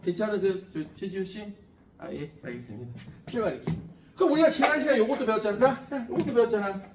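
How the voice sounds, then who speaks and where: The man's voice sits high, with lively intonation and a fast pace, over a noisy background. Teaching science at a cram school, he's blunt and profane, joking with students and quizzing them rapid-fire; the room echoes and the mic is far away.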